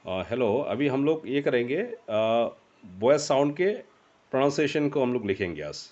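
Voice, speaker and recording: A man's voice: medium pitch, very animated, a little mellow. Man teaching shorthand in a roomy space. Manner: repeats sounds slowly and drills them aloud; pauses often while writing on a board. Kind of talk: classroom explanation. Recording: dull roomy sound.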